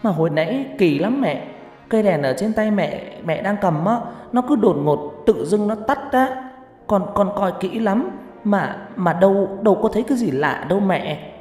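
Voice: mid-range voice, expressive, normal speed, darkish tone, pitched above the performer's own voice, lightly acted. A narrator voicing a panicky older sister who stammers in fear. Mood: anxious. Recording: echoey reverb with background music.

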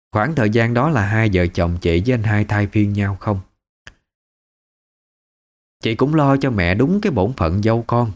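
A man's voice: lowish voice, a little mellow. A man with a Southern Vietnamese accent narrating a first-person family story in a conversational, emotive way.

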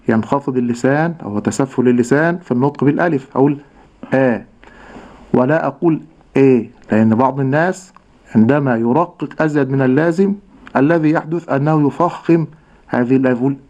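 An Egyptian man teaching recitation on a radio lesson, slow and patient, stretching out words to show how they should sound. His voice sits at a middling pitch. The recording is dull and lo-fi, like old radio. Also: darkish tone.

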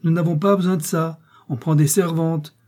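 A man reading an audiobook, voicing an angry, contemptuous peasant mother who scolds in loud outbursts. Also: mid-range voice, steady tone, normal speed, lightly acted. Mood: scornful, furious. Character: angry scornful peasant mother, older woman.

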